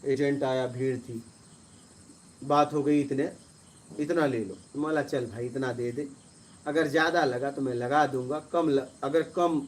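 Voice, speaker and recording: A spiritual teacher, a man, tells a story in a voice pitched a little high. He turns animated and forceful when he acts out an argument, with a faint hiss behind him. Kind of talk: storytelling talk to listeners.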